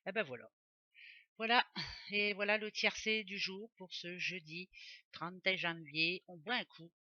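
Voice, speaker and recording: A woman's voice: lowish voice, unhurried, sharp tone, no echo, dull audio. A woman doing a casual oracle card reading for her viewers, chatty and rambling, often correcting herself aloud. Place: home office.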